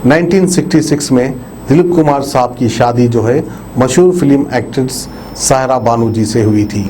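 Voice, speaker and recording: In a medium-pitched, dark-toned voice, a man narrates an obituary tribute news report for viewers. He explains things conversationally, repeating himself with habitual filler phrases, over slight background noise in a rough recording.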